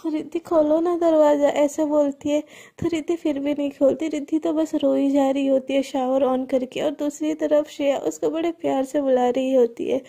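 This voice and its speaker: A woman's voice: high-pitched, level tone, moderate pace, creaky, warm tone. A woman telling a serialized love story in a conversational, intimate way.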